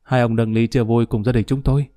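A man's voice: mid-range voice, little pitch movement, fairly quick, dark tone, no echo, clean studio sound, natural voice. A man voicing a grateful, emotional middle-aged doctor who speaks earnestly and formally. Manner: earnest, formal, effusive thanks.

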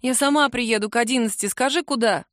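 A woman's voice: on the high side, quick pace, fairly bright tone, no echo, studio quality, close to an everyday voice. A woman reading a story, voicing a grumpy young woman woken too early who answers with indignant, exaggerated exclamations. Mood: grudging. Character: sleepy grumpy young woman, sharp-tongued friend.

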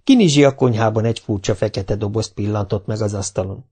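A man reading a children's novel aloud, narrating in a lively, wry manner. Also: lowish voice, slightly rough. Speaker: audiobook reader. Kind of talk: storytelling narration.

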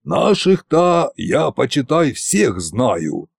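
A man voicing a sly, brooding old tsar who muses in a slow, conspiratorial way. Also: mid-range voice, sing-song, creaky, slightly rough, no echo, pitched above the performer's own voice, full character voice. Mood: musing.

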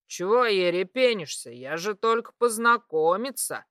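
A woman voicing a drunk, lecherous male warlock who talks in a slow, loud, leering drawl, lower than her own voice. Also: big pitch swings, clean tone, dry recording, studio quality.

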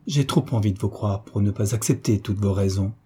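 A man reading an audiobook voices a gracious young duchess with gentle, affectionate questions, pitched higher than his narration. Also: fairly quick, husky. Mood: tender.

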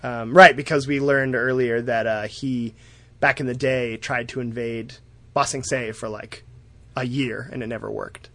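Casual man recapping a cartoon, laughing. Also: mid-range voice. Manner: animated retelling, acts out quotes in quick voices; laughs often, swears casually. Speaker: podcast host recapping a cartoon episode. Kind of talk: casual chat.

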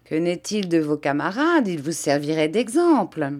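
A woman reading an audiobook who voices a cruel man who beats children, speaking in a soft, mocking, menacing tone. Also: low-pitched, big pitch swings, moderate pace. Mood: mock-tender menace.

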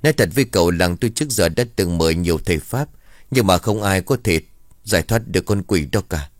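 A man's voice: low-pitched, expressive, fast, no room sound, studio quality. A man voicing an anxious elderly village chief who speaks earnestly and implores for help. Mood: worried.

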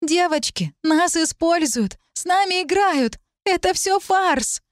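A woman's voice: high-pitched, moderate pace, no room sound, clean studio sound, voice pushed up, close to an everyday voice. A woman reading an audiobook, voicing a panicked, desperate young woman in breathless, pleading outbursts. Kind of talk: audiobook character voice.

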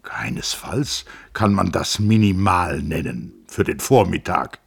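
A man's voice: sits low, big pitch swings, unhurried, vocal fry, slightly rough, full character voice. A man reading an earnest, worried young cousin. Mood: concerned. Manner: earnest, hesitant, alarmed.

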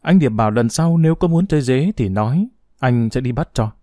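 Male story narrator, warm dark tone, dead-dry studio read. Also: medium pitch, lively intonation, brisk, dry recording. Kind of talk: scripted narration.

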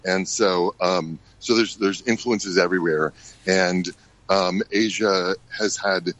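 A middle-aged American man, a ballet director, answering questions in a radio interview, halting with many fillers and restarts. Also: low voice, fairly even intonation, a bit bright, no room sound, highs cut off. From United States.

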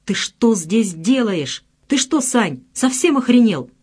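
A hot-tempered young gangster, as a woman reader puts him on, angry and scolding, full of coarse slang. The voice swings up and down in lively pitch. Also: normal speed. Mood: indignant.

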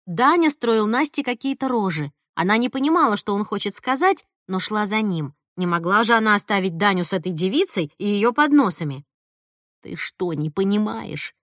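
Lively woman narrating an audiobook. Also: mid-range voice, a little fast, hardly any pauses, dry recording, studio quality.

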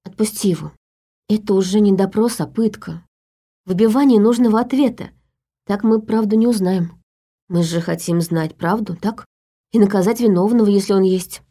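A woman voicing a calm young female psychic who speaks quietly and persuasively, in an audiobook. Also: medium pitch, normal speed, lightly acted. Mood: quiet firm. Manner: quiet, soft-spoken, persuasive.

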